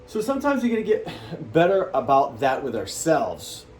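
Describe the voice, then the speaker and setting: A man delivers a motivational talk straight to the camera with a lively, swooping voice. He sits a bit high in pitch and leaps higher still to stress a point or act out someone he quotes. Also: moderate pace, slight background noise. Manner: animated, jumps high for emphasis, acts out quoted people. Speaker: host.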